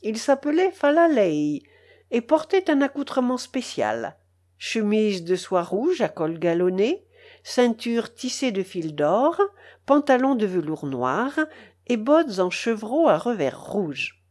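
Slow, expressive woman narrating an audiobook. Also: medium pitch.

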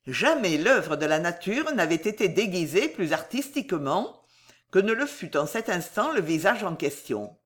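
An audiobook narrator tells the story in an expressive, dramatic way. The voice sits at a middle pitch but moves through a wide, animated range. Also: normal speed.

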